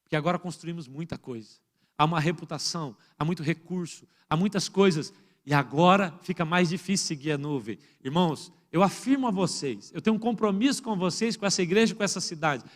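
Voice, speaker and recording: A high-pitched male pastor from Brazil preaching a sermon in church. He swings from loud, ringing exclamations down to hushed, personal asides as he addresses his congregation. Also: a little fast.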